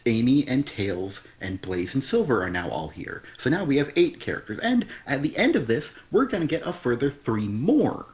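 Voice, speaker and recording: A man's voice: medium pitch, very animated, normal speed, hardly any pauses. A man co-hosting a casual comic review chat, blunt and exasperated, swearing often. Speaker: podcast co-host.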